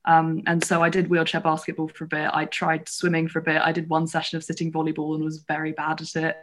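A woman's voice: sits low, monotone, fast talker. A woman in her twenties with a southern English accent, talking casually as a guest in an interview. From England, grew up in London and Bath. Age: 20s. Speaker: podcast guest, athlete. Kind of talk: casual chat.

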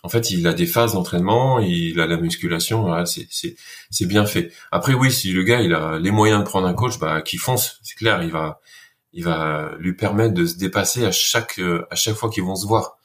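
A man who served in the military, telling an interviewer about training in an earnest, halting way with many fillers. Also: sits low, a bit bright. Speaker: guest, former soldier. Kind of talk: casual interview.

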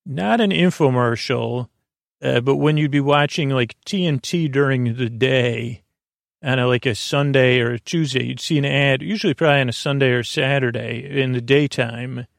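In a dry, close recording, an American podcast host with a low, creaky, gravelly voice delivers a meandering bedtime monologue. He halts and drifts off on tangents, all meant to help listeners fall asleep.

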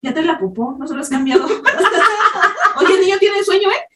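A woman's voice: very high-pitched, expressive, normal speed, a bit bright, recorded from a distance. A woman with a Mexican accent chatting on a podcast, playful and mimicking others in quoted lines. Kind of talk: casual chat. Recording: echoey, off-mic, faint noise.

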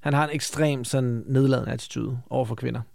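A man's voice: mid-range voice, steady tone, gravelly, a little mellow, dry recording, clean studio sound. A man in casual podcast chat, giving opinionated commentary on reality TV and often ending sentences with tag questions.

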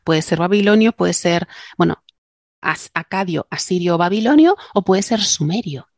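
A woman's voice: fairly low pitch, animated, normal speed, no echo, studio quality. A woman co-hosting a casual science podcast, a linguist who chats, jokes and explains things with digressions. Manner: chatty, joking, explains with digressions.

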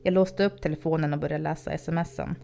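A woman narrates a scary story for a podcast, calm and measured. Her voice sits low with a dark, mellow tone, and faint music plays under her. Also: gravelly.

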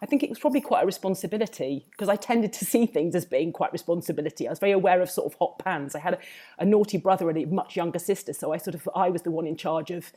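A woman with a soft-edged, mellow voice that sits a little low speaks in a Home Counties English accent. She chats reflectively as an interview guest, rephrasing and looping back through her thoughts. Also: fast. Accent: southern English, Home Counties. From Hertfordshire, England. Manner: discursive, circling back with repeated hedging phrases. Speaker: food writer, interview guest.

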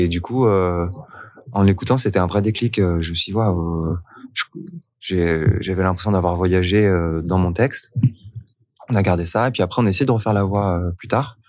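Very deep-voiced man, halting. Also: darkish tone, no room sound. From France. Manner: hesitant, many fillers and restarts. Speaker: singer-songwriter guest. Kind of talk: relaxed interview talk.

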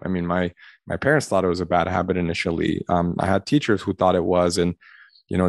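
Earnest deep-voiced man. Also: darkish tone, no room sound, studio quality. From Los Angeles, USA. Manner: earnest, reflective, many "you know" fillers. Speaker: podcast guest, admissions consultant. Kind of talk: conversational interview answer.

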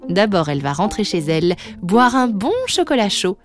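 A woman narrating a children's bedtime story in a gentle, sometimes hushed way. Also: mid-range voice, animated, moderate pace, soft background music.

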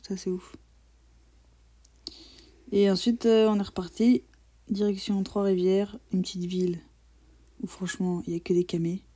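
Teasing young woman, warm voice. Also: mid-range voice, flat delivery, moderate pace, pauses often, breathy edge. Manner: teasing, sarcastic banter. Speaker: podcast co-host. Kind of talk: casual travel chat.

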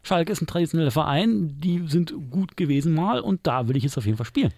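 A man co-hosting a podcast in casual chat, adding relaxed asides. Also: on the high side, fast, no echo, studio quality. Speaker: podcast co-host.

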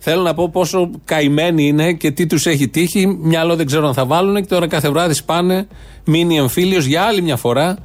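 A man talks politics on a show, his voice sitting on the higher side. He sounds indignant and sarcastic as he comments, in the loose rhythm of casual chat.

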